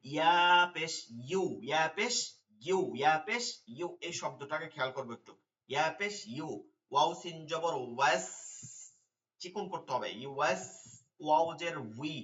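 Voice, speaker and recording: A man teaching an online Quran lesson, spelling out letters and vowel marks, then reciting verses in a slow chant. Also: on the high side, fairly bright tone, distant mic, dull audio.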